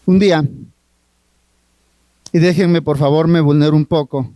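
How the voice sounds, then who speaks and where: Mexican man, high voice, mellow tone, earnest sermon, slow phrasing, questions to the crowd. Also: fairly even intonation, no room sound. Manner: earnest, drawn-out phrasing with direct questions to the audience. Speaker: family therapist speaking at a marriage retreat.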